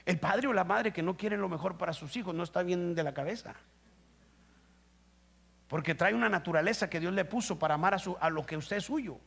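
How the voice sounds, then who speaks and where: High, gravelly-voiced preaching pastor. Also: male voice, brisk, fairly bright tone. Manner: preaching with rising emphatic bursts and rhetorical questions. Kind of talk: sermon. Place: church. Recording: live stream.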